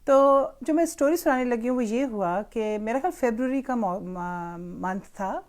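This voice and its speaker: Older woman with a lightly raised pitch, chatting warmly through a personal story about parenting, mixing two languages. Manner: chatty, switches freely between Urdu and English. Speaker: grandmother sharing parenting advice. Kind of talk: casual storytelling monologue.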